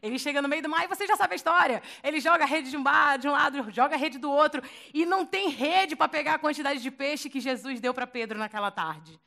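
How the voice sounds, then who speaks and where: Bright, high-voiced Brazilian woman preacher. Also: quick pace, vocal fry, hardly any pauses. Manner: playful, slangy, acts out scenes. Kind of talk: lively storytelling sermon.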